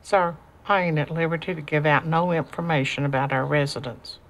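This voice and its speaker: A woman's voice: low-pitched, steady tone, drawn-out words, exaggerated voice. A woman playing a stubborn, blunt, indignant clerk in a film. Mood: firm, irritated. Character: stubborn, blunt female residence clerk standing her ground. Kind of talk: film acting.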